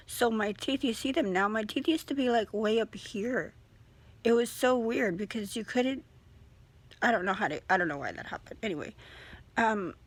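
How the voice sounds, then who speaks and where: Young adult woman, casual vlogger, medium pitch, slightly restricted articulation as if talking with a sore jaw. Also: no echo. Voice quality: slightly impeded speech from a sore, stiff jaw that barely opens. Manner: talks with a sore jaw, mouth held fairly closed. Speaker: vlogger giving a surgery recovery update. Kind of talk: casual video diary chat.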